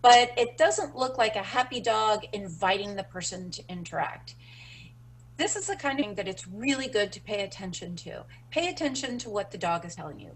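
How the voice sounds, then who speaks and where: A woman's voice: medium pitch, animated, normal speed, a little hiss or hum, rough recording. Woman explaining dog stress signals casually. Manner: explanatory, many fillers. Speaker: dog training instructor. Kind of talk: webinar lesson.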